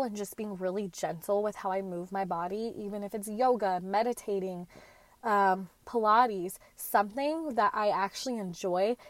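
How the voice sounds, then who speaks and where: A woman's voice: medium pitch, no room sound. A woman in her late twenties hosting a podcast, talking on her own in a chatty, earnest way with slangy asides. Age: late 20s. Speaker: podcast host. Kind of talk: casual solo talk.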